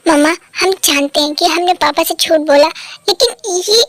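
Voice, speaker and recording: A woman's voice: very high-pitched, normal speed, a bit bright, dry recording. A woman voicing a rebellious teenage son who refuses his father's orders in a fan dub. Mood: defiant. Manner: defiant, upset.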